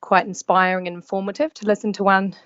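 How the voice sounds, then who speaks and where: A woman's voice: mid-range voice, little pitch movement, fast, fairly bright tone, dry recording. A woman from New Zealand with a New Zealand accent, a podcast guest talking in an easygoing way over a video call. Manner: easygoing, with fillers and small restarts. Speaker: podcast guest, yacht stewardess. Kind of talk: casual interview chat. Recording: dull, dry call audio.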